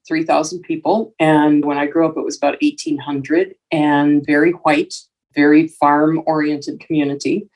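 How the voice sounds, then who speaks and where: A woman's voice: deep voice, a little mellow. Older woman from Wisconsin, earnest podcast guest, voice a little distant from the mic. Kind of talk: casual conversation.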